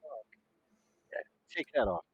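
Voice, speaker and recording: A man playing a tabletop game over voice chat, asking quick rule questions while his mic cuts out and the volume drops and jumps. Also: highs cut off. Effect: mic cutting out, volume drops and jumps. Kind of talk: casual online play over voice chat.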